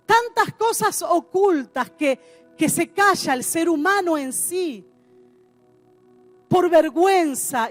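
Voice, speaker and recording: A woman with a Rioplatense Spanish accent preaching a sermon in a church, emphatic, with rising shouts and drawn-out words. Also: very high voice. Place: church hall.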